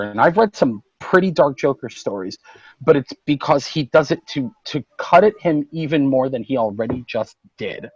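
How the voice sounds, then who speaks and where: A man co-hosting a casual roundtable podcast, retelling comic book plots in animated detail. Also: on the high side, no echo, lo-fi sound. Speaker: podcast co-host.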